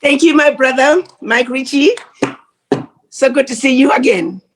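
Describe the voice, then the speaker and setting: A woman speaking at a virtual conference, delivering an earnest, measured address over a video call. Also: high voice, background noise. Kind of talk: formal address.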